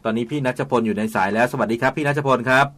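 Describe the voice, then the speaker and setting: A man hosting a community radio talk show, polite and quick with short acknowledgments. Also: medium pitch, a bit bright, a little hiss or hum. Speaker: radio host.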